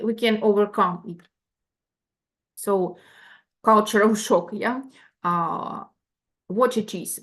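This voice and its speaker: A woman from Ukraine giving a university lecture online. She talks haltingly, with many fillers and restarts, and checks in with listeners by asking "yeah?". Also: mid-range voice.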